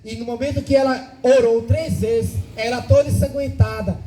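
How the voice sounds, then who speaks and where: Fervent high-voiced preacher man. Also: steady tone, moderate pace, dark tone, faint music behind, poor audio. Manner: fervent, emotional storytelling with many repetitions. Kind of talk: testimony sermon at a church service. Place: church service.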